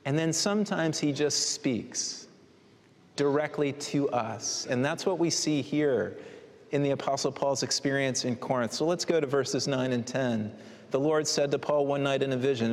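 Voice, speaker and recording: A man preaching a sermon as pastor, earnest with rising emphatic exhortations. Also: mid-range voice. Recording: long hall reverb.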